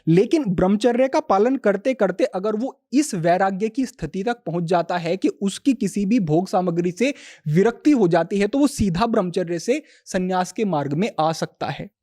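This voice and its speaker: Man, yoga teacher, high voice, mellow tone, calm explanations, podcast guest. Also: moderate pace, hardly any pauses. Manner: calm explanatory, quotes Sanskrit verses. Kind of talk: spiritual podcast discussion.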